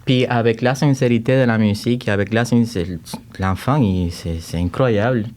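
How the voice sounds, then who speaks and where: Cuban-accented man, non-native speaker, lowish mellow voice, reflective and hesitant. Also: normal speed. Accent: Cuban Spanish. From Cuba. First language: Spanish. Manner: thoughtful, searching for words with frequent restarts. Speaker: guest composer and choir director. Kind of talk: casual interview conversation. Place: recording studio.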